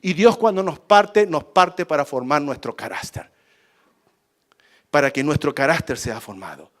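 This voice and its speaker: A man's voice: fairly high pitch, unhurried, a bit bright. A male pastor preaching a sermon emphatically, repeating points and addressing listeners as brother.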